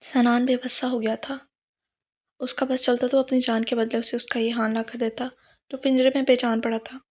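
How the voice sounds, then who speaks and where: A woman narrating a romance novel in a steady, unhurried reading voice. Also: on the high side. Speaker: novel reader.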